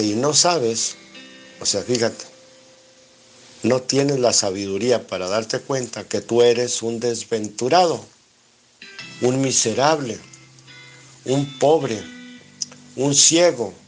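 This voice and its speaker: In a mid-range voice, a preacher with a Mexican accent delivers a Bible study sermon, reading scripture aloud and walking through it line by line. He keeps asking rhetorical questions and supplying the answers himself.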